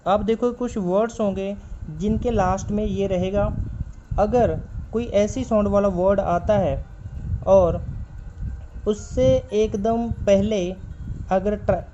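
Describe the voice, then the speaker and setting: With a high, warm voice, a man gives a patient stenography lesson, repeating important points and spelling letters aloud as he writes them. It's a step-by-step spoken lesson, captured on a dull lo-fi recording with a little hiss or hum.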